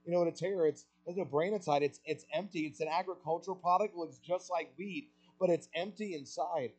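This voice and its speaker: A man preaching a sermon with passion, asking rhetorical questions and swelling louder on key points. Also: a little high, brisk, faint music behind, rough recording.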